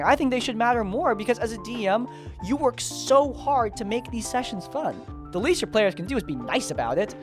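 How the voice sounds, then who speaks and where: A man hosting a tabletop gaming tips video, talking in a candid, expressive and self-deprecating way. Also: high voice. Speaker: YouTube RPG tips host. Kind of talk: casual talking-head commentary.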